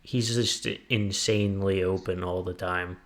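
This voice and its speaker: A man co-hosting a casual sports podcast, relaxed and agreeable, reeling off player stats. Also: low-pitched, unhurried. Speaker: podcast co-host.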